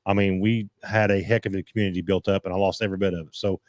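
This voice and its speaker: A man hosts a casual live-stream chat in a fairly low voice. He rambles, stops and restarts his thoughts as he talks. The sound is dry and close. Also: fairly even intonation, no room sound. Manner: rambling, halting, restarts sentences. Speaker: host.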